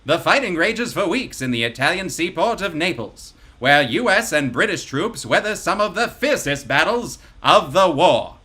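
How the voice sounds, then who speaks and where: A man putting on the voice of an energetic old 1940s newsreel announcer, declaiming punchy lines with loud, stretched emphasis. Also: on the high side, moderate pace, few pauses, breathy edge, heavily acted. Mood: rousing. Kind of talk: old newsreel narration, comic table read.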